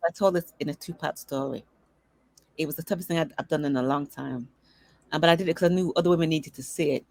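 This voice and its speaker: A middle-aged woman, an interview guest, telling personal stories in a lively, conversational way and acting out the voices of people she quotes. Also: sits low, fast talker, no echo. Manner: animated storyteller who acts out dialogue. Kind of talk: conversational storytelling.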